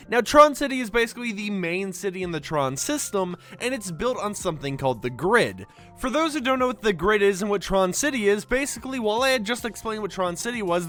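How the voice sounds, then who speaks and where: His voice sits high and a little bright: a young man fronting a casual gaming news video. It's an early-morning recording, so he sounds sleepy, and his chatty, wandering delivery is full of "likes" and "basicallys."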